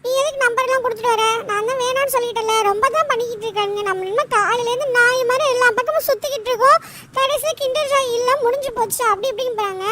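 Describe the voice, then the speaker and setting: A performer voicing a whiny, greedy little boy in a fan-made game dub, a cartoonish squeaky child voice that often cries. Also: fast, bright, forceful tone, distant mic. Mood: whining. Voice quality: whiny, weepy. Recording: noisy background.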